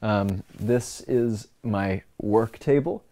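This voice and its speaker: A livestream host chats playfully in a rambling show-and-tell manner from his indoor personal workspace. He speaks slowly in a lowish, dark-toned voice. There's no echo, though the room recording is clearly noisy with clicks.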